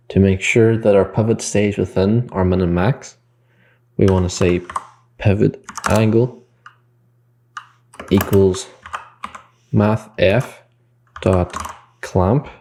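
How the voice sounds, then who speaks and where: A man with a low, creaky voice teaches game development in a screen-recorded coding tutorial, with a noisy background behind him. He explains the code step by step, thinking aloud and correcting himself mid-sentence.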